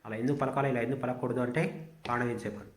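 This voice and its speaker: A man teaching Sanskrit in a lecture, reciting verse lines slowly and then explaining them at length. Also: medium pitch, fairly even intonation, roomy sound.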